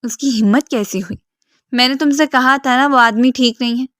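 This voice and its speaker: A woman's voice: high voice, no echo, studio quality. A woman voicing a concerned, protective father who was once a soldier. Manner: concerned, gentle.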